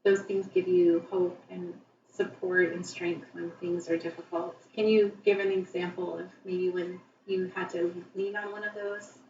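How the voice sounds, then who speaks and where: A woman asks friendly, encouraging interview questions. Her voice sounds re-recorded off a television speaker, so it comes across distant, muffled and ringing with room echo. Her pitch sits in the middle range. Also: flat delivery, normal speed, darkish tone, a little hiss or hum. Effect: re-recorded through a TV speaker. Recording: echoey, dull, distant TV re-recording.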